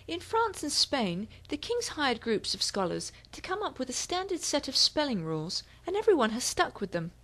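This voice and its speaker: A woman voicing a lively character who explains English pronunciation in a playful way. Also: sits high, moderate pace, hardly any pauses, exaggerated voice.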